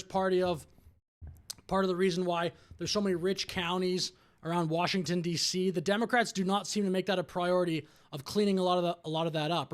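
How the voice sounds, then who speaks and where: A man with a notably high voice delivers political reaction commentary. He argues each point with exasperation, pushing back hard on what he has just heard. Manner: argumentative, exasperated. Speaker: commentary host.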